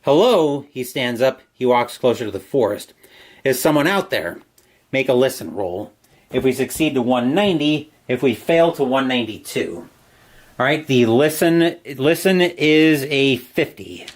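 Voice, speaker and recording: A man's voice: medium pitch, moderate pace. A man playing a solo horror gamebook alone, reading the entries aloud with dramatic narration and asides about his dice rolls.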